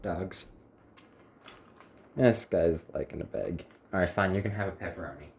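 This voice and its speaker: Deep-voiced man rambling in his kitchen. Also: moderate pace, a little hiss or hum. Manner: rambling, chatty self-talk with wry asides. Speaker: home cook, channel host. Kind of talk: casual cooking vlog. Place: home kitchen.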